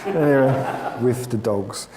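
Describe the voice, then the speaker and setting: A man's voice: medium pitch, lively intonation, takes it slowly, crowd noise, rough recording. A man preaching to his congregation, telling a personal story in a chatty, self-mocking way and addressing listeners by name. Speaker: pastor. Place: church hall.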